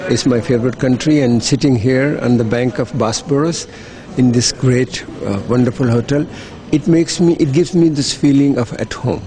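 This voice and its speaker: At a hotel, amid crowd noise, a middle-aged Pakistani man who works for an NGO gives earnest, persuasive interview answers. His medium-pitched voice keeps a moderate pace, and he often repeats words when restarting.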